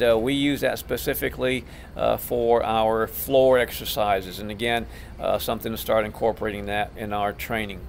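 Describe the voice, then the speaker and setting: A man's voice: mid-range voice, gravelly, slight background noise. A middle-aged man, a martial arts instructor, teaching class terms in an instructional video, patiently repeating each term.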